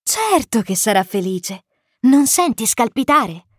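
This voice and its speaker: A woman's voice: fairly high pitch, very animated, takes it slowly, breathy edge, dry recording, clean studio sound, exaggerated voice. A woman voicing a kind, amazed stranded pilot in a storybook reading, speaking in a patient, coaxing way. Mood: gentle coaxing.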